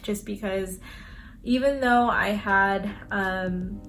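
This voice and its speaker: A woman's voice: medium pitch, slow pace, fairly bright tone. A woman chatting casually in an advice vlog, explaining things in a rambling, repetitive way. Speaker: vlogger, dental assistant. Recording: music playing behind the voice. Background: clear background music.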